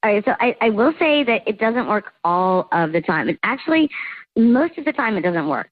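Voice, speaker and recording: A woman's voice: mid-range voice, sing-song, moderate pace, dry recording, narrow, tinny audio. Woman caller through a morphing voice changer. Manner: playful, laughing confession. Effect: voice changer morphing her voice. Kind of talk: casual chat on a radio show. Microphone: phone.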